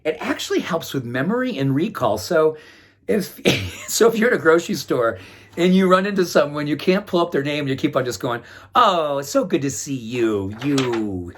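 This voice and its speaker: A man's voice: fairly high pitch, very animated, fairly quick, a little hiss or hum. A middle-aged man, a wellness doctor, talking casually to the camera in his own video, enthusiastic and chatting to his pet pug between points.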